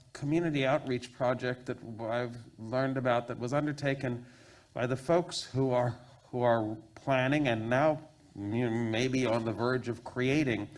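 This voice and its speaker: A male panelist talks through a face mask in a mid-pitched voice. He is deliberate and scholarly, building long sentences and correcting himself as he goes. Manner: deliberate, wordy, with self-corrections. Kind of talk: considered, scholarly panel remarks.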